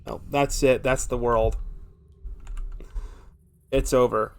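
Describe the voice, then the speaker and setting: A man's voice: medium pitch, steady tone, takes it slowly, smooth. A man streaming a video game, talking casually and in a rambling way to his viewers. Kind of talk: casual live gaming stream chat.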